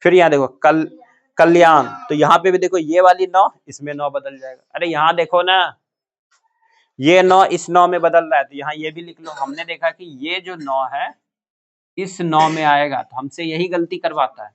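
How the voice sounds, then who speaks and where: A man's voice: a little high, fairly even intonation, moderate pace, fairly bright tone. A male teacher giving a classroom lesson, asking students questions and repeating the answers. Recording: muffled lo-fi classroom recording.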